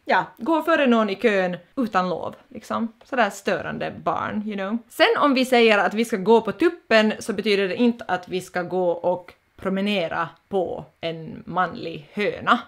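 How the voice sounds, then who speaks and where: A woman's voice: medium pitch, hardly any pauses. A woman in her twenties with a Finland Swedish accent, chatting playfully in a casual vlog and dropping in English phrases. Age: 20s. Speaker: vlogger. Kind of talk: casual vlog explaining words.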